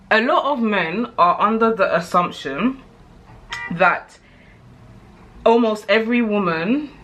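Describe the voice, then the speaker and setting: A woman's voice: fairly low pitch, pushed and bright. A British woman in her thirties chatting candidly to camera as a vlogger, rambling with frequent asides. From United Kingdom. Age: 30s. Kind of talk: casual chat to camera.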